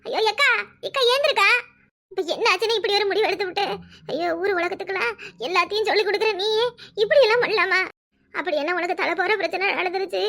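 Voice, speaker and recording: A woman's voice: very high voice, fast, vocal fry, a bit bright, heavily acted. A woman voicing a distraught, tearful village woman in a cartoon, wailing, pleading and scolding with a Kanyakumari Tamil accent. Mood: despairing. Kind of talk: cartoon voice acting.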